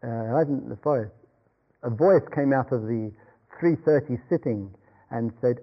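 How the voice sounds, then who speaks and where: A man's voice: mid-range voice, moderate pace. Rambling older man telling a story. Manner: rambling storyteller, chuckling, many restarts. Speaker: meditation teacher. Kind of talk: dharma talk with anecdotes. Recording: dull lo-fi talk recording.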